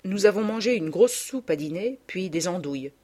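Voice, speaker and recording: A woman reading a literary novel aloud as an expressive audiobook narration. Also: fairly low pitch, normal speed. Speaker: audiobook reader.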